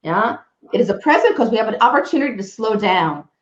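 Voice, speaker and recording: A woman's voice: mid-range voice, lively intonation, fast. Earnest woman presenter, roomy lo-fi sound. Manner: earnest, self-interrupting storytelling with frequent restarts. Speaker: webinar presenter. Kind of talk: personal story and health talk.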